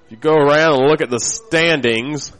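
A man's voice: on the high side, normal speed, a bit bright, smooth, soft background music. American male baseball play-by-play voice. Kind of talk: live sports commentary.

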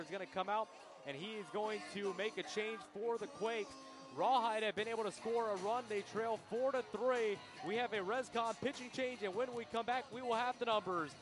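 A man doing live baseball play-by-play commentary for a radio broadcast. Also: high-pitched. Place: ballpark broadcast booth.

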